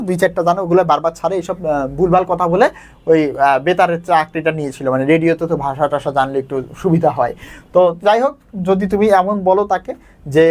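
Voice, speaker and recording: A man teaching a casual exam lesson, explaining a story and often checking that his students follow. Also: sits high.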